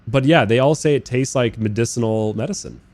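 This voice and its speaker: A young man live-streaming a flight sim, chatting casually and rambling, swearing freely, talking to his chat and bursting into loud incredulous rants. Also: medium pitch, brisk. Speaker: game streamer. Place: living in Australia.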